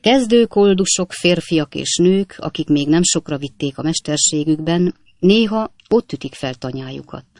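A narrator voicing a cheerful, witty young manservant in an audiobook, chatting in a folksy, gravelly tone. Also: medium pitch, lively intonation, few pauses, a little mellow, dry recording, lightly acted. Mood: lively, folksy.

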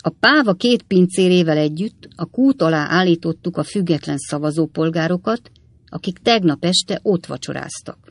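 With an animated mid-range voice and no room sound, the reader brings Sam Weller to life in a dry audiobook recording. The witty, worldly young manservant tells tall tales offhandedly, wry and lively.

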